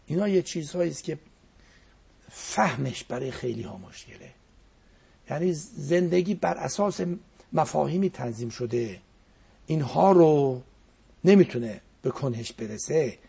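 A man's voice: fairly high pitch, lively intonation, gravelly, warm tone, breathy edge. A man giving a reflective religious talk as a cleric, quoting verses and poetry as he goes.

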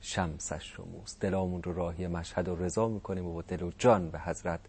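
Deep-voiced courteous male host. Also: fairly even intonation, vocal fry, darkish tone, husky. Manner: courteous, formal thanks. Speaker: program host. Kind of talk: formal radio hosting.

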